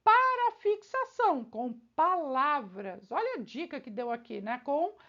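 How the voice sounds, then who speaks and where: A lively woman with a very high voice teaches an exam-prep lesson for civil service candidates, speaking unhurriedly over dull-sounding audio. She talks straight to the viewer, peppering the lesson with rhetorical questions and check-ins.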